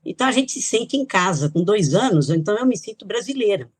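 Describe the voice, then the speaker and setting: Speaking fast and expressively in a slightly rough, medium-pitched voice, an older woman from Italy reminisces about her life as a guest author on a podcast. She chats away, slipping in light laughs between thoughts. The recording is close and dry, with no echo from the room.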